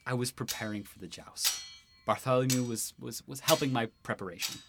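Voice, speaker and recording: A man's voice: mid-range voice, brisk, noisy background, natural voice. A man voicing a cocky, teasing young prince and husband in a student radio drama.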